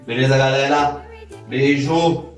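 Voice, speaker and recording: Guy in his 30s from salvador brazil, family vlogger, chatty and self-mocking, keeps restarting his sentences, mid pitch. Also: fairly even intonation, takes it slowly, echoey room, music in the background. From Salvador, Bahia, Brazil. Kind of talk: casual vlog talk to viewers.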